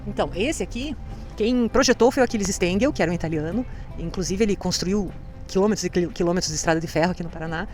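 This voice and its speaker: A woman's voice: on the low side, fast, darkish tone, faint music behind. A woman guiding a cemetery tour, explaining with enthusiasm.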